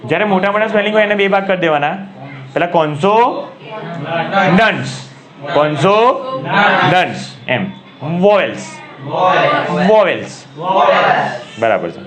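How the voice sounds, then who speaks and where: Gujarati man lecturing a classroom. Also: a little high. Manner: asks the class questions and repeats key words. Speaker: English grammar teacher.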